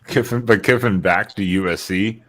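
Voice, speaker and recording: A man talking on an online call in a casual sports chat, animated and swearing freely. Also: fairly low pitch, normal speed.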